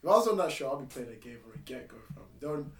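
A young man, co-hosting a podcast in animated, laughing banter full of slang. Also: medium pitch, rapid-fire, far from the mic, crowd noise. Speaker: podcast co-host. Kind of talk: casual chat. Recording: roomy, from off-mic.

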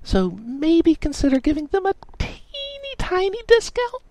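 A man voicing a sweet, cheerful girl who speaks in a gentle, coaxing way. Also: very high-pitched, huge pitch swings, a little slow, no echo, pitched above the performer's own voice, heavily acted.

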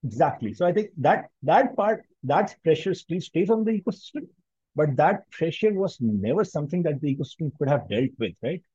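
A man's voice: a little high, very animated, a little fast, warm tone, husky, no room sound, dull audio. A man with a Pakistani accent talking analytically in casual conversation, often rephrasing himself mid-sentence.

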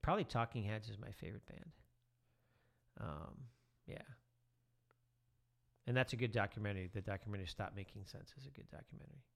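This middle-aged teacher is a podcast guest in casual chat, relaxed and rambling with plenty of fillers. His voice is lowish and gravelly, a little fast, and he pauses often.

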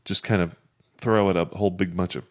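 Deep-voiced male player, casual, thinks aloud at the table. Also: steady tone, fairly quick.

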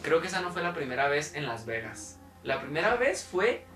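A man's voice: fairly high pitch, sing-song, normal speed, sharp tone, echoey room, recorded from a distance, soft background music. A young man with a Mexican Spanish accent, telling stories animatedly and laughing often in a casual podcast chat. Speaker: podcast co-host.

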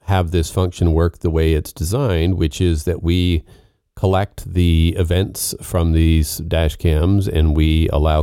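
A man's voice: very deep voice, warm tone, no room sound, clean studio sound. A man co-hosting a casual work podcast, explaining technical things plainly and patiently. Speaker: co-host.

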